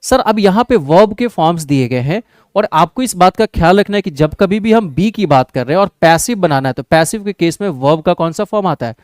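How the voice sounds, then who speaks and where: A man with an Indian accent teaches an exam-prep English lesson in a smooth, crisp voice pitched somewhat high. The sound is dry and close to the microphone. He keeps checking that his students follow along and reads the example sentences aloud slowly. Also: animated, a little mellow, no room sound. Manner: checks in with the class, calls students "babu" and "bhai".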